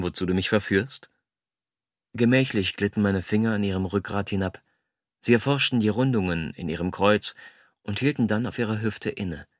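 A man reading a first-person story aloud in a calm, measured, intimate way. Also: lowish voice, dry recording, studio quality. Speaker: audiobook narrator. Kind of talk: scripted first-person narration.

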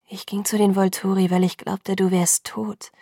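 A woman's voice: level tone, slightly rough, no echo, studio quality. A woman whispering as a brooding young vampire lover. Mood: hushed earnest. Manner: hushed, low, slow and earnest. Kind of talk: whispered role-play.

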